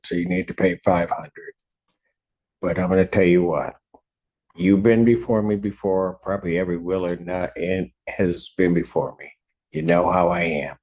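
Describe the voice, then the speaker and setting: Deep, mellow older male judge. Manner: blunt, folksy, plain-spoken. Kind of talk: informal spoken courtroom address. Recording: dull, muffled lo-fi courtroom audio.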